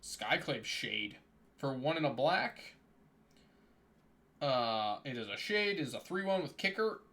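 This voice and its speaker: A man's voice: medium pitch, expressive, measured pace, bright, forceful tone. A man streaming live, chatting casually and reading card text aloud, while his voice is starting to give out. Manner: reads card text aloud in a plain running commentary. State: losing his voice.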